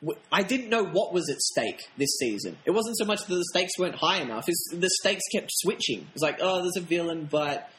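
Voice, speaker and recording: A man's voice: high-pitched, very animated, fairly quick, hardly any pauses, fairly bright tone. A man co-hosting a podcast, chatting casually about a TV show in a wry, rambling way with frequent laughs. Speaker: podcast co-host. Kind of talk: casual review chat. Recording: roomy echo, faint noise.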